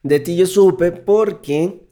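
A man's voice: sits high, takes it slowly, mellow. A man with a Dominican accent, co-hosting a casual podcast and telling stories with a laugh. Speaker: podcast co-host. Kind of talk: casual chat.

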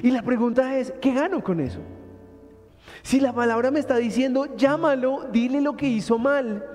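A man in his thirties with a Colombian Spanish accent, preaching a sermon in a lively, colloquial storytelling manner. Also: very high voice, normal speed. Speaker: pastor. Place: church hall. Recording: hall reverb with soft instrumental music.

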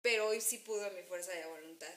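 A young woman with a Mexican accent chatting casually, telling stories and acting out quotes with sudden jumps in pitch. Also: a little fast, echoey room. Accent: Mexican Spanish. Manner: animated storytelling, acts out quotes with jumps in pitch. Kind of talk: casual chat.

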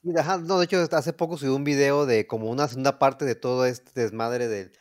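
A man with a Mexican accent co-hosting a casual comedy chat, talking haltingly with many restarts and jokes. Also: mid-range voice, fairly even intonation. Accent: Mexican Spanish. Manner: halting, repetitive, joking. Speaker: podcast co-host.

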